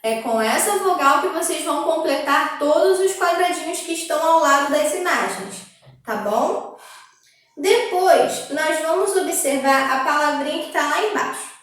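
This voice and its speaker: Young Brazilian woman, preschool teacher on a video lesson; high voice, patient sing-song delivery, echoey room, off-mic. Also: expressive, fairly bright tone, far from the mic. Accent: Brazilian Portuguese. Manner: slow, patient, sing-song explaining with frequent "tá bom?".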